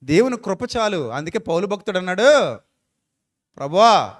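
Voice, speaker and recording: High-voiced man preaching a folksy sermon. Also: fairly quick, fairly bright tone. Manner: folksy, questioning the listeners directly, acting out quoted people. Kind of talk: sermon with closing prayer.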